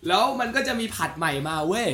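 A man's voice: high voice, animated, fast, sharp tone. A young man co-hosting a casual chat, telling stories in crude slang and laughing as he goes. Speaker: podcast co-host. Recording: echoey room with faint music.

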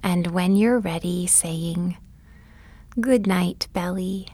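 Slow, whispery woman guiding sleep. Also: fairly low pitch, breathy edge, dry recording. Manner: soft, often whispered delivery; gentle, soothing and unhurried. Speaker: meditation guide. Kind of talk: guided bedtime meditation.

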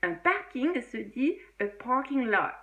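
A woman's voice: high voice, animated, takes it slowly, fairly bright tone. A woman teaching English in a casual video lesson, chatty with many fillers and frequent laughs.

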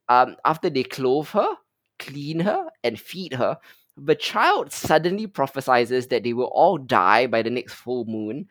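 A man with a middle-pitched voice lays out a film's premise in a measured way, often pausing on "um" between phrases. The sound is dry and close. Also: dry recording. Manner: measured, summarizing with frequent "um". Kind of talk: film review summary.

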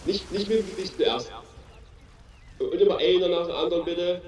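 A man's voice: high-pitched, moderate pace, a little mellow, lightly acted. A man playing a male lifeguard who calls out bossy orders in a comedy sketch. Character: male lifeguard shouting orders from the pool edge. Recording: distant, echoey and dull.

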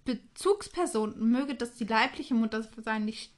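A woman's voice: on the high side, lively intonation, moderate pace. A woman around thirty telling a story on a casual podcast, swearing casually and laughing often. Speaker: podcast co-host.

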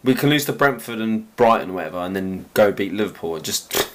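Croaky, tired low-voiced Englishman. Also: animated, fairly bright tone. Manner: rambling, halting, lots of fillers. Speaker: podcast host. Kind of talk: casual football chat.

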